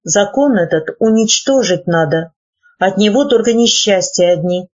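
A woman's voice: mid-range voice, normal speed, darkish tone, breathy edge, lightly acted. A woman reading the lines of an earnest, proud young man, formal in speech, in a dull lo-fi recording. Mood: firm. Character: earnest young male nephew, proud and idealistic.

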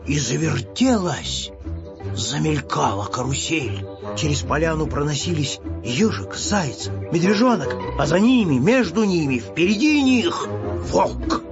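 Storybook narrator, male, slow and lively, dull recording with music under. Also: on the high side. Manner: slow, expressive reading.

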